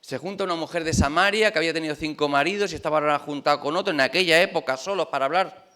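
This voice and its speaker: A man's voice: fairly high pitch, very fast, bright, forceful tone. A man from preaching a conversational sermon in a church, chatty and full of rhetorical questions to the congregation. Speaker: pastor.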